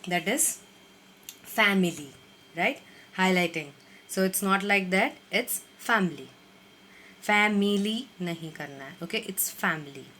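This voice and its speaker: Slow, careful woman teaching pronunciation. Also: medium pitch, a little hiss or hum. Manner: slow, drawn-out repetition of model words. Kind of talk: Hindi-English mixed lesson.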